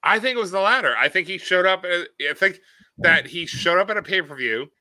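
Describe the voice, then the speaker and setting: A man chatting and riffing in a comedic podcast, acting out silly voices as he tells bits. His voice is very bright and a little high for a man. The sound is dry and close to the mic. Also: animated, a little fast, no echo. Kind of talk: casual comedic chat.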